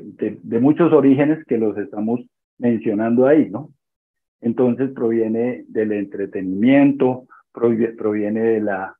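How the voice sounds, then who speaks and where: A man with a husky, slightly breathy voice teaches a church discipleship class to an online group. He speaks in a measured way, often restating a phrase or pausing to find the right word. The sound is thin and phone-like, as on a video call. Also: medium pitch. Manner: measured, restates phrases and pauses to search for words.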